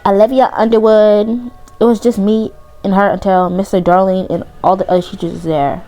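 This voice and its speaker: A woman's voice: medium pitch, steady tone, moderate pace, warm tone, faint music behind, lightly acted, poor audio. Woman voicing a possessive teenage girlfriend. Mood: recounting. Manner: insistent, defensive. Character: possessive teenage girl, coach's daughter.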